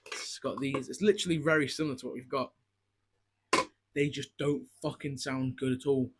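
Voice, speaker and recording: A young man co-hosting a casual podcast at home, ranting excitably and swearing constantly into a cheap mic. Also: medium pitch, normal speed, noisy background. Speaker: podcast co-host. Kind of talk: casual chat. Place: home room with garden furniture. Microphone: cheap budget mic.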